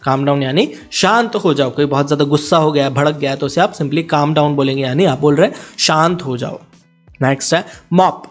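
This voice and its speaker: Teaching English words through Hindi, this slightly high-voiced man spells every term and delivers example sentences at a slow pace before rattling off a quick explanation.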